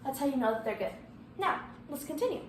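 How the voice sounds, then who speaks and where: A woman presenting a casual step-by-step home baking tutorial, giving instructions in halting, short fragments. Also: high voice, animated. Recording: roomy echo, clearly noisy background.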